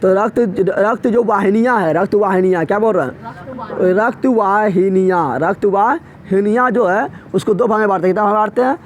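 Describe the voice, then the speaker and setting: A man teaches a class in a high, light voice. He explains in a colloquial, emphatic way and keeps firing short quiz questions back at his students. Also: fast talker, dull audio, a little hiss or hum. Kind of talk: classroom lecture.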